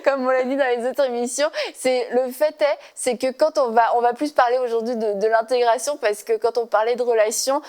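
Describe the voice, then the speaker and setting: A woman's voice: fairly high pitch, steady tone, fairly quick, few pauses, darkish tone, clear, resonant tone. Laughing woman hosting a faith talk show. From born in Korea, raised in France. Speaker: host.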